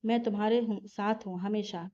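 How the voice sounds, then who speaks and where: A woman voicing a caring young man who talks in a gentle, encouraging way. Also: mid-range voice, fairly even intonation, moderate pace, close to an everyday voice. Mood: reassuring. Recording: dull lo-fi recording.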